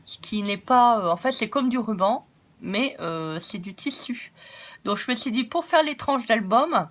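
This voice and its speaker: A woman's voice: fairly high pitch, lively intonation, unhurried. A French woman chatting through a craft-supply haul, laughing often, joking about herself and thinking aloud with lots of fillers. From France. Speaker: craft vlogger. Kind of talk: casual haul chat.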